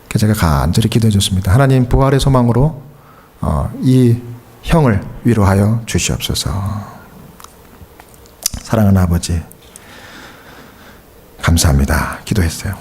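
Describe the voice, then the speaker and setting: A middle-aged man from Korea, a pastor preaching at a revival meeting, telling a story and acting out the voices in it, often rising to shouts. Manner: acts out quoted voices, shouting the high parts. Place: church sanctuary.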